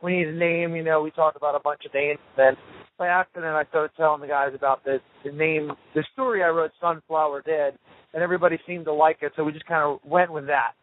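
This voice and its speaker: A man in a band, talking casually over the phone from a tour RV, relaxed and rambling with lots of fillers. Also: a little high, fast. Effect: heard over a phone line. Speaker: touring rock band member interviewed as guest. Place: tour RV on the road. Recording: tinny phone line.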